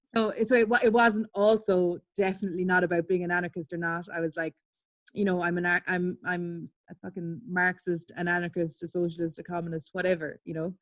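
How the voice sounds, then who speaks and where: A woman's voice: lowish voice, little pitch movement, brisk. A woman, an artist and publisher, giving a candid online talk over a video call, swearing and laughing as she tells stories. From Ireland.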